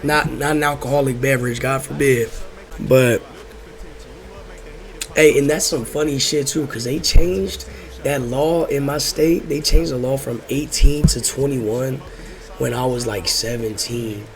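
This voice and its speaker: A man's voice: mid-range voice, fairly even intonation, measured pace. A young American man telling stories casually in laid-back stoner talk, slangy and profane, rambling and repeating himself. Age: young adult. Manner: rambling, repeats phrases, drifts off track. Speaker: host telling personal stories.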